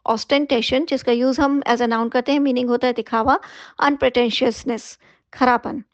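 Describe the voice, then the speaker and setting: Female vocabulary teacher, high voice, steady methodical list reading, dry slightly dull recording. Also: moderate pace, dry recording. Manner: steady, methodical word-by-word delivery with short asides. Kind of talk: reading out a word list with meanings.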